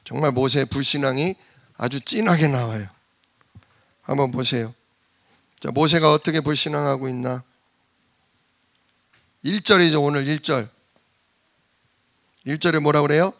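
A man preaching a sermon in a lively way, acting out the voices of the people he quotes. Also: on the high side, normal speed, gravelly, long pauses. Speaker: pastor.

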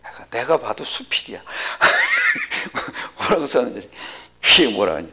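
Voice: medium pitch, big pitch swings, a little fast, bright, forceful tone, breathy edge. A pastor preaching a sermon to a congregation, often asking questions and dropping to a whisper for emphasis. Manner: drops to a whisper for emphasis, asks the audience questions.

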